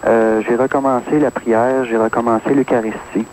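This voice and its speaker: This caller, a man in his thirties speaking with a Québécois French accent, offers heartfelt phone-in testimony on the radio, stumbling over many fillers. His mid-range voice is a little mellow, delivered flatly at normal speed. The AM broadcast sounds rough, with faint hiss.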